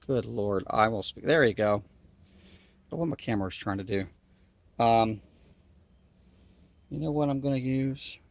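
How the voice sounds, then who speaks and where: A man's voice: medium pitch, a little slow, creaky, long pauses, dull audio. A man with a Southern US accent and a nasal twang, chatting in a folksy drawl to the camera outdoors. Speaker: outdoor video maker. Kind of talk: casual chat to camera. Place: outdoors in river bottoms.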